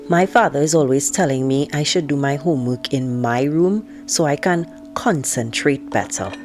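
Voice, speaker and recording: A woman with a low, slightly mellow voice reads a storybook aloud at a normal pace, sounding close to how she talks every day, with faint music in the background. She voices an outspoken, indignant teenage girl narrating her family life in the first person, frank, conversational and sarcastic. The mood is frank and musing, as in an audiobook read-aloud.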